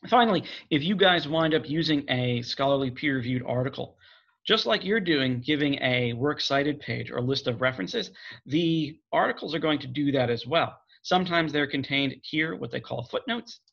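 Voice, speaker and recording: A man's voice: medium pitch, normal speed, gravelly, fairly bright tone, muffled recording. A man, a college librarian, giving a casual step-by-step screen-recorded tutorial on finding and citing articles. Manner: casual, plain step-by-step explaining.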